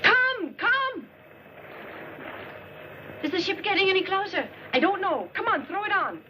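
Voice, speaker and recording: A woman's voice: very high-pitched, sing-song, fast talker, recorded from a distance, slight background noise, full character voice. An actress playing an anxious young woman castaway who orders the others about. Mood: tense. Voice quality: tense, commanding. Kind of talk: 1960s film dialogue. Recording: dull old film soundtrack over loud score.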